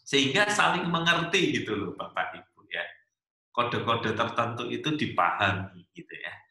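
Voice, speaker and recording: A male pastor giving a humorous sermon at a couples' webinar, telling stories in an animated way with many rhetorical asides. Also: mid-range voice, moderate pace, creaky, echoey room.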